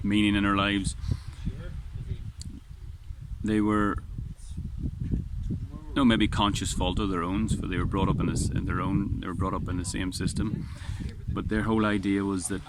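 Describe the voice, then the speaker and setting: A man with a strong, low-pitched voice reflects casually as a vlogger, sitting outside on a beach. His tone stays level at normal speed, he pauses often, and his earnest talk rambles with many restarted sentences. There's faint wind noise.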